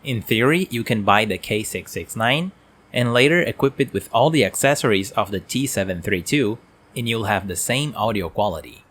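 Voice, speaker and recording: A man's voice: lowish voice, lively intonation, moderate pace, fairly bright tone. A man giving a plain, explanatory product review at his home work desk, speaking into a desk mic on an arm. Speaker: tech reviewer.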